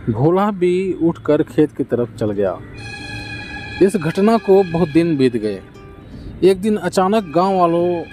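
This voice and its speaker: A man narrating a children's folk tale in a gentle, steady scripted storytelling manner. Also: on the high side.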